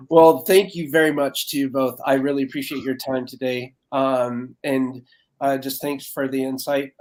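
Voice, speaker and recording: A man's voice: mid-range voice, level tone, measured pace, darkish tone. Effusive man hosting a live web talk. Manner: effusive, thankful, lots of fillers. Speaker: host. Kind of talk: live online interview wrap-up.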